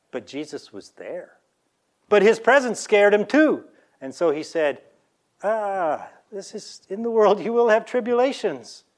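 A man preaching a sermon, earnestly leading the congregation to repeat lines after him. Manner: earnest preaching with swings between loud emphasis and soft low lines; leads the congregation in call-and-response. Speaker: pastor.

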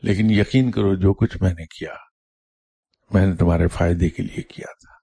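Man doing a patient old king, lowish husky voice, gentle storyteller tone. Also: steady tone, dry recording, heavily acted. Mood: reassuring. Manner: measured, explaining gently. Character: kindly wise old king, patient and calm.

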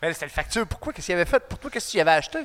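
Man, Québécois accent, high, very lively voice, bright, excitable. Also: in a large hall. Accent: Québécois French. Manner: excitable, quick questions. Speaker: co-host. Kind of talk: hyped banter.

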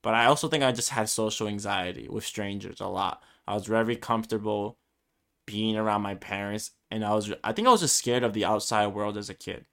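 Talking alone on his podcast, a Spanish-speaking Brooklyn native in his twenties wanders through a casual monologue full of ums, restarts, and self-deprecation. He speaks fairly quickly in a lowish, fairly bright voice with vocal fry.

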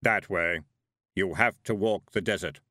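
The figure of Death as a storybook reaper, calm and politely formal, speaking with a slow, weighty, full delivery, as a male narrator puts him on. The tone sits low and steady, and the recording is dry and close. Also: no echo. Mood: grave.

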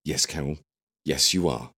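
A man's voice: extremely low pitch, normal speed, pushed and bright, breathy edge, exaggerated voice. A man voicing a playful woman who talks theatrically to herself. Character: playful adult woman playing doctor.

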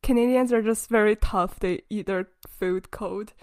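A woman's voice: medium pitch, unhurried, a little mellow. A young woman co-hosting a casual student podcast, bubbly and teasing, often laughing. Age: young adult. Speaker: podcast co-host, university student. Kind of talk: casual chat.

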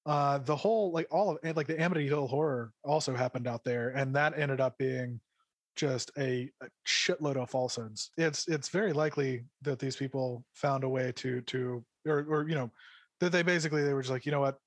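A man's voice: mid-range voice, fairly quick, no echo. A man co-hosting a podcast in casual, joking chat, often restarting his sentences and swearing freely. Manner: stammering restarts, profane, joking. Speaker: podcast co-host.

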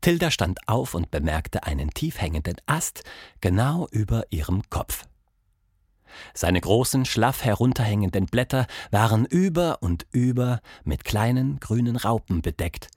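A man narrating a children's story at a relaxed, unhurried pace. His pitch rises and falls expressively as he reads. The sound is dry and close to the microphone. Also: breathy edge, no room sound. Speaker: storybook reader.

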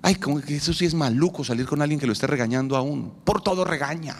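A man preaching a sermon as a pastor, with a playful, animated delivery that acts out quoted voices. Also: mid-range voice, racing. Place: church hall. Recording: long reverb in a church hall, faint noise.

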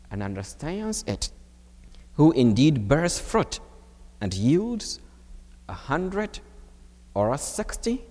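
Slow-preaching priest in a church. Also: male voice, a little mellow. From Ghana. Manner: slow, measured preaching with wide swings of pitch. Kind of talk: homily at Mass. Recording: long church reverb.

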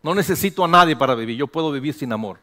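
Older pastor, lively sermon. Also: male voice, fairly high pitch, very fast. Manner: animated, jokes with the congregation, mixes English phrases. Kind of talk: sermon teaching.

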